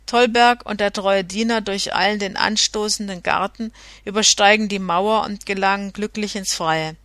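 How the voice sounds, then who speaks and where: A woman narrating a classic novel as an audiobook, steady with occasional self-corrections. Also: mid-range voice, dry recording. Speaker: audiobook reader.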